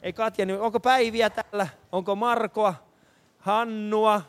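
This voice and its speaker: A high-pitched male radio host, energetic and often laughing. He roams a busy city street with a handheld mic, calling out names to strangers for a live charity show. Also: slight background noise. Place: city street outdoors, passing traffic.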